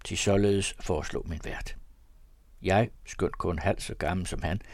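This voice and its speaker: A man narrating a classic novella as an audiobook, with a measured, expressive reading on a close studio mic. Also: deep voice, no room sound. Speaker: audiobook reader.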